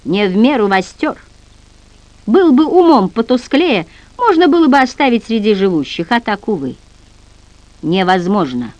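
A woman's voice: fairly high pitch, very animated, moderate pace, darkish tone, dry recording, poor audio. Woman doing a stern older male villain, commanding, dry close read. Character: menacing older male privy councillor, cold villain.

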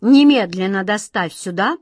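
A woman's voice: mid-range voice, animated, normal speed, dry recording, clean studio sound, lightly acted. A woman voicing a pompous, easily flustered old king who gives orders in a storybook reading. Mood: commanding. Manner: imperious, whiny, easily flustered. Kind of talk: storybook character voice.

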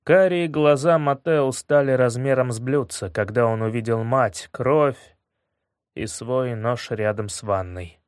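A man reading a first-person story aloud in a measured way, dropping low and quiet on grim moments. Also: clean tone, no room sound, clean studio sound. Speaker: audiobook narrator.

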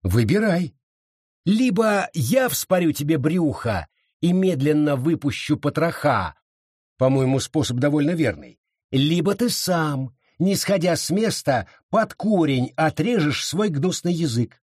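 Brief: man doing a cold, taunting young woman, husky, slow menace, raised pitch, lively swings. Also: dry recording, studio quality. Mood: menacing. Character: fierce vengeful young woman, cold and mocking.

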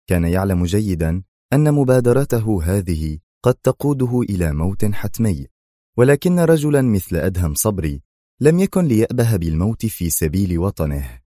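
A man narrating a thriller audiobook in an even, measured storytelling manner. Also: lowish voice, no echo, studio quality.

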